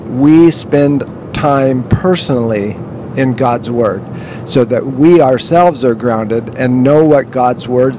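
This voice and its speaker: A man hosting a devotional podcast in a slow, measured, earnest way, recorded as low-quality audio inside a moving vehicle. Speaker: podcast host. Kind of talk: devotional monologue. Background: faint vehicle rumble.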